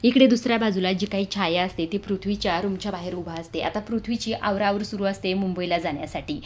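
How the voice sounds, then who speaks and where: A woman's voice: medium pitch, quick pace, a little hiss or hum. A woman narrating a TV serial episode as a story and voicing each character's lines herself. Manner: storytelling, voices every character.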